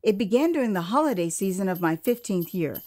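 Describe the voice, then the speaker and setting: An American woman tells her own life story in the first person, performed like a theatrical audio drama. Her voice sits in the middle range and moves a little quickly, stretching words for emphasis and slipping in chatty asides.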